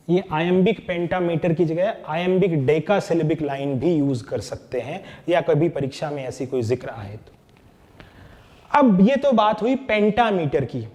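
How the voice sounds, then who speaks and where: A male teacher walks through a poetry lesson with a fairly high voice. He speaks slowly and counts out each syllable and beat in turn. His delivery stays patient and steady. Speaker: literature teacher.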